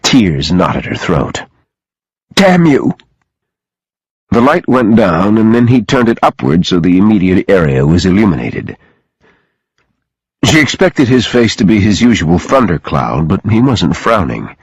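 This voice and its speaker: A man narrating an audiobook in an expressive, dramatic reading style on a close studio mic. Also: low-pitched, normal speed, breathy edge, no echo, dull audio.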